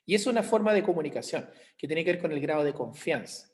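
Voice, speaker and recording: A man's voice: on the high side, lively intonation, quick pace, darkish tone. A man with a Chilean accent teaching an online class, explaining with everyday examples and checking in with his students. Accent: Chilean Spanish. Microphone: computer mic on a video call.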